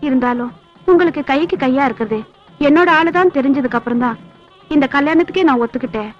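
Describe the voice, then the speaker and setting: An actress playing a young bride in a comic film, earnest and emphatic. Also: female voice, sits high, fast, dull audio, soft background music, lightly acted. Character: young bride, devoted to her lover.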